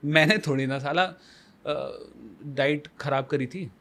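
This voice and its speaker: A man's voice: fairly high pitch, fairly even intonation, slow, sharp tone. A man as the guest life coach on a podcast, explaining emphatically with rhetorical questions and mixing Hindi with English phrases. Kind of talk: podcast conversation.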